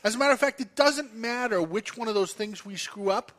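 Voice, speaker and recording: A man's voice: high-pitched, fairly quick, fairly bright tone. A man hosting a casual radio chat show, arguing his point emphatically and teasing his co-host.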